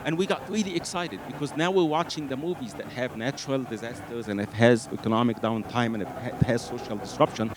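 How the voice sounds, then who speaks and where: A middle-aged Egyptian man, a native Arabic speaker and engineering professor, delivers an animated keynote from a podium on stage in a large hall, holding a handheld mic and using lots of fillers. His voice is medium in pitch and fairly quick, with hardly any pauses, over a noisy background.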